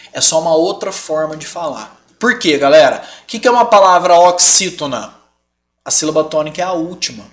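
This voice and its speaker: A man's voice: high-pitched, a bit bright. A man with a Brazilian Portuguese accent teaching a live online lesson, explaining patiently and checking in with the class often.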